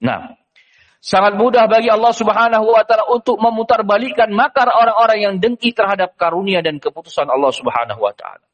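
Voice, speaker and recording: High-voiced animated male teacher. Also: a little fast, long reverb tail, dull audio. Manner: animated, asks rhetorical questions, frequent "ya". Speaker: Islamic religious teacher. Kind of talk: storytelling religious lesson.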